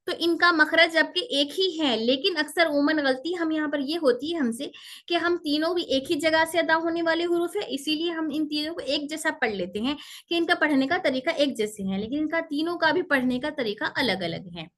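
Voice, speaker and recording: A woman's voice: sits high, fairly bright tone. A woman teaching Quranic letter pronunciation in an online class, explaining patiently and drawing out each sound for practice. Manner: slow, drawn-out demonstration of letter sounds.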